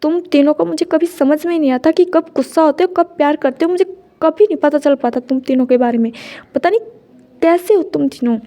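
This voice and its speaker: A stern middle-aged mother scolding with indignation, voiced by a woman reading aloud. Her voice sits high yet soft and mellow. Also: fairly quick. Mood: exasperated.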